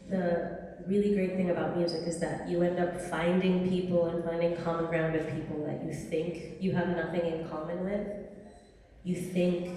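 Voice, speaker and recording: Heard from afar in an echoey hall, with a bit of hiss or hum, a Dominican woman who sings and gigs for a living talks casually during an onstage interview at a music venue. Her lowish, darkish voice wanders loosely, padded with fillers.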